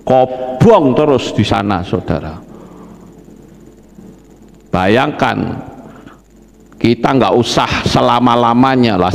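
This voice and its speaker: A man's voice: mid-range voice, creaky. A man preaching a sermon, dramatically acting out voices and keeping up a direct address to the congregation. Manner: dramatic, acts out pleading voices, keeps addressing listeners. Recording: echoey hall reverb.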